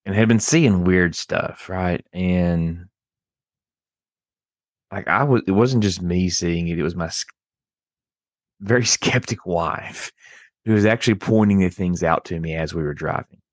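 A man's voice: low-pitched, a little slow, pauses often, no room sound, studio quality. A man talking casually as a podcast co-host, telling things in a conversational way.

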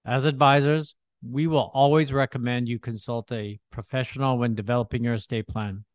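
Man, podcast co-host, advisor, scripted delivery, medium pitch, dry recording. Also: fairly even intonation, normal speed, dry recording.

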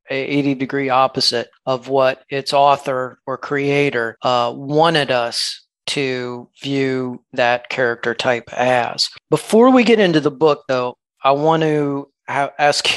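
Male podcast co-host, mid pitch, careful and reflective delivery, dry recording. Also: a bit bright, no echo. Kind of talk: casual literary discussion.

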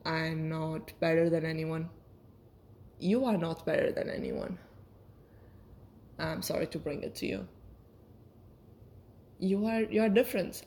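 Lower-voiced woman in casual reflective monologue. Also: darkish tone. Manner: hesitant, searching for words, self-correcting. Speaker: solo podcast host.

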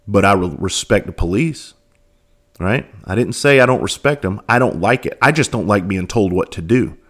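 A man with a fairly low voice delivers a casual, profane monologue as host of his own show. He speaks bluntly, like the former police officer he is, and piles up rhetorical questions, often repeating a word before a sentence gets going. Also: expressive, moderate pace, a bit bright. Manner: repeats words when starting sentences.

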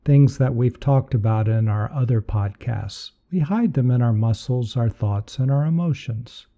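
Guy doing guided meditation, super mellow dark voice, slow n gentle, soothing. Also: mid-range voice. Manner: soothing, gentle, unhurried delivery with soft breathy moments. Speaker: meditation podcast host.

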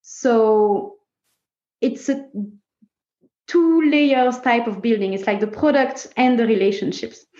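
A woman's voice: on the high side, slow pace, darkish tone. A woman startup co-founder in a casual interview, talking emphatically in startup buzzwords, with non-native English phrasing. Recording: muffled, echoey room sound.

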